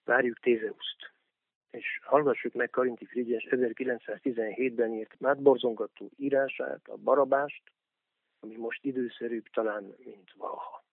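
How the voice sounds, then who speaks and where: A man's voice: mid-range voice, fairly even intonation, gravelly, no room sound. A man delivers political commentary on the radio, sarcastic and mocking throughout. The sound is thin and phone-like, and quite dry.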